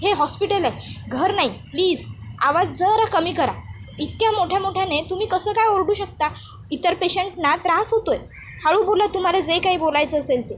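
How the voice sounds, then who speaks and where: A woman voicing a stern hospital nurse firmly telling people to be quiet. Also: very high-pitched, normal speed, slight background noise. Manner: firm scolding.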